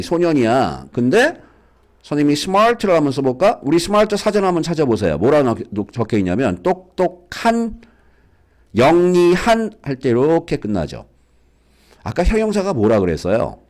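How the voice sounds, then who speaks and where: A man teaching a basic English reading lesson to schoolchildren, coaxing them along with frequent questions. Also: mid-range voice. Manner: lively, coaxing, asks students questions. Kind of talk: lecture for school kids.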